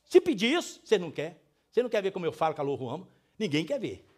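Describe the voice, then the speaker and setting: A middle-aged man from Brazil preaching a sermon as pastor, emphatic, moving between hushed pleading and loud scolding. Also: high voice, big pitch swings, rapid-fire.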